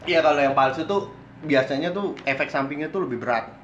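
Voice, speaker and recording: A man's voice: a little high, a little fast. A man with a Jakarta accent in a casual chat, speaking frankly and crudely in slangy speech peppered with "bro". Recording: roomy echo, muffled, faint background noise.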